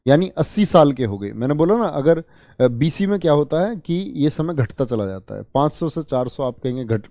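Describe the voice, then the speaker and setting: A male teacher leads an online exam-prep history lesson with a somewhat high, mellow voice. He repeats each term and keeps quizzing his students, calling them children. The sound is dry and close, with no room echo. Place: online class.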